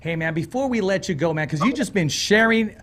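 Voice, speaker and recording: A man's voice: sits high, animated, a little fast, a bit bright. A man hosting a casual interview show, speaking in a slangy, familiar way.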